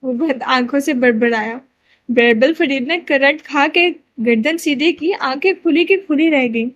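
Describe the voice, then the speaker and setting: A woman with a high voice narrates a romance novel aloud. Her reading is expressive, storytelling style. It is a steady audiobook delivery. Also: highs cut off.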